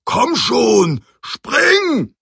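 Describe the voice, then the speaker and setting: A man doing a gravelly, sad old alarm clock. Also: sits high, takes it slowly, no echo, clean studio sound, exaggerated voice. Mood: urging. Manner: despondent, later urging loudly.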